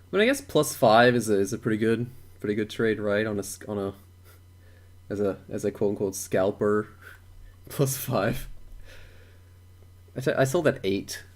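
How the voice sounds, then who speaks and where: A man's voice: lowish voice, normal speed, pauses often. A young man thinking aloud while day trading on a live stream, repeating words and chuckling to himself.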